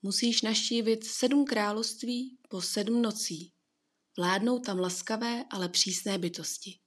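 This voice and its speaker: A woman voicing a gentle angelic being of light in a storybook, slow, patient and soothing. Her breathy voice stays soft and unhurried, calm and kind. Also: medium pitch, lightly acted.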